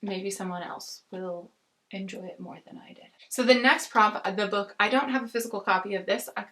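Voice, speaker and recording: American woman doing casual book talk, bright clear-cut tone, kinda rambly and halting, rewords stuff a lot. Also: medium pitch. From United States. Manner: rambling, halting, often trailing off and rephrasing. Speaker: book reviewer on a video channel. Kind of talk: casual book chat to camera.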